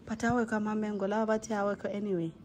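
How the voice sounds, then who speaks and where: A young woman with a Zimbabwean accent vlogging outdoors in a home yard, mixing English with Ndebele and gently coaxing a small child. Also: mid-range voice, flat delivery, rapid-fire, slight background noise. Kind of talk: casual vlog chat.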